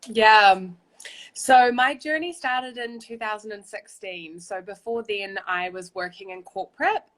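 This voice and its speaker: Lounging in an outdoor hammock, a spiritual guide with a New Zealand accent joins a casual video call as a guest, sounding upbeat, chatty and heavy on "like." Her mid-range voice is a bit bright and measured in pace, though the audio is poor.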